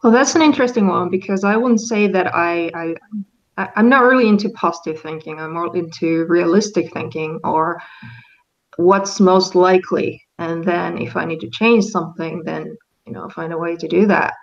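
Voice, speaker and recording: A Finnish woman, a guest in a casual conversation, speaks reflectively, hesitating and restarting often. Her lowish voice has vocal fry and a normal pace, and the recording's highs are cut off.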